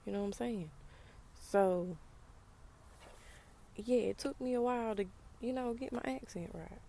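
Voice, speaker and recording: A woman's voice: on the high side, a little slow, vocal fry, dark tone. A woman with a Southern US accent talking frankly and emphatically to camera in a casual monologue, with frequent conversational asides. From United States. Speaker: vlogger.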